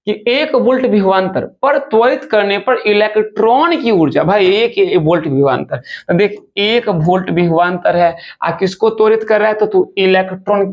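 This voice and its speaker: A male physics teacher races through exam questions in a quick, chatty way. His voice sits high and gravelly. The recording sounds dull and lo-fi. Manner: fast, chatty, addresses students informally as "bachcha". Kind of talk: objective-question exam lesson.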